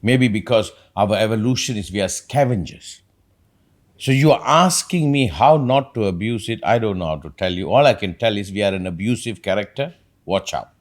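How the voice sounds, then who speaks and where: Animated man telling rambling stories. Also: on the low side, moderate pace. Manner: animated storyteller, acts out quotes, rambling. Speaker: podcast host. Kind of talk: reflective conversational talk.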